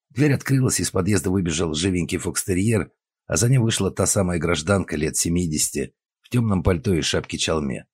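A man narrating an audiobook with expressive storytelling. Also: deep voice, breathy edge, no echo. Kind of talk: scripted narration.

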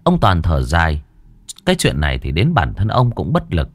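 Deep-voiced man narrating a ghost story. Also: dry recording, clean studio sound. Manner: dramatic, lively storytelling with drawn-out pauses. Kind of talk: scripted horror story narration. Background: faint music.

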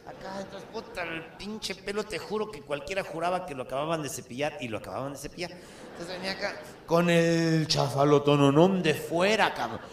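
A man with a Mexican Spanish accent telling crude, profane jokes in a raunchy stand-up style. His voice sits high and gravelly. The recording is roomy and echoey, with loud noise behind it. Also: fairly quick.

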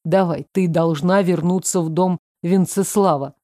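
A woman voicing a calm young man who coaxes and soothes in a soft, lowered voice. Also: a little slow, no echo, clean studio sound, close to an everyday voice. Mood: firm. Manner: soft, coaxing.

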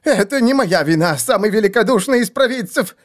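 A man's voice: high voice, lively intonation, a little fast, voice pushed up. A man voicing a nervous male rat-man assassin who stammers and grovels. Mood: whining.

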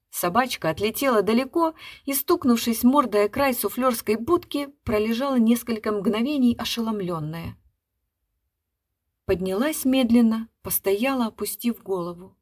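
A woman narrating a literary short story in an expressive storytelling manner. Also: on the high side. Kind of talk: literary reading.

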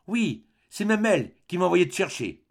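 A man's voice: sits high, sing-song, moderate pace, creaky, pitched above the performer's own voice, full character voice. A man reading an audiobook, voicing a polite, earnest young son.

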